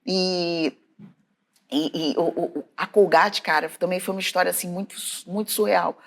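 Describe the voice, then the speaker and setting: Lively Brazilian woman telling stories. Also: lowish voice, moderate pace, vocal fry. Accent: Brazilian Portuguese. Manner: lively storyteller, exclaims to listeners. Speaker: podcast co-host. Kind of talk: casual chat.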